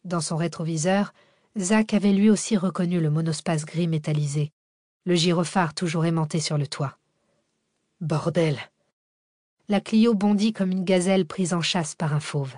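A woman narrating a thriller audiobook in a steady, measured reading. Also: lowish voice, no echo, clean studio sound. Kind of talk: scripted narration.

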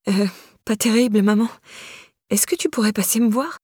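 A woman voicing a young woman in trouble, pleading and defensive, pitched higher than her narration. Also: moderate pace, darkish tone, husky, dry recording, clean studio sound, lightly acted.

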